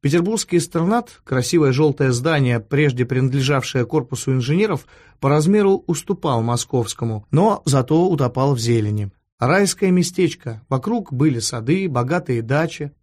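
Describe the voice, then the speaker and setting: A man reading a novel aloud as an audiobook narrator, in a measured, expressive way. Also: mid-range voice. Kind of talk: scripted literary narration.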